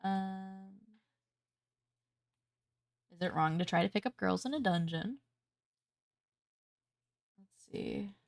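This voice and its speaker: A woman streamer talks at an unhurried pace, her voice stuffy and congested. She rambles casually with plenty of fillers into a close desk mic. The sound is dry and close. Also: medium pitch, vocal fry, no room sound. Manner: relaxed, rambling, with many fillers. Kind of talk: casual live-stream chat.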